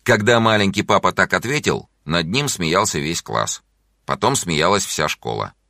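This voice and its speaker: A man narrating a children's story as an audiobook in an expressive, playful way. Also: low-pitched, moderate pace, creaky, no echo, clean studio sound.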